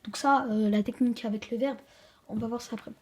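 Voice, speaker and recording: A woman hosting a home-made grammar lesson, hesitant, with many fillers and restarts, slowing down to stress example sentences. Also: on the high side, fairly even intonation. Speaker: channel host teaching a French grammar lesson. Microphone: camera she handles herself.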